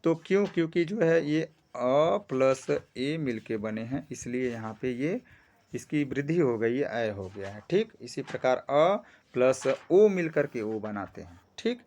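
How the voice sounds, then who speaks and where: A man's voice: mid-range voice, lively intonation, a little mellow. A man teaching a grammar lesson, explaining step by step, often checking in with "theek hai" and stretching vowels to demonstrate sounds. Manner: explains slowly with frequent "ठीक है" checks.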